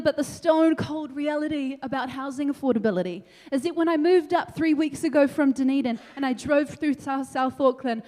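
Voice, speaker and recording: A young woman from New Zealand giving an energetic, animated debate speech, laughing between points. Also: sits high. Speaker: debate speaker. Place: large council meeting hall. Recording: long hall reverb.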